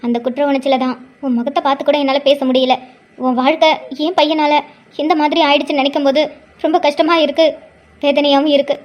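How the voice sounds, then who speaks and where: A woman voicing an older grandmother and mother-in-law who speaks softly and sorrowfully, full of guilt. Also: high-pitched, fairly even intonation, fast, lightly acted. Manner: soft, pleading and sorrowful. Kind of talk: cartoon drama voice acting.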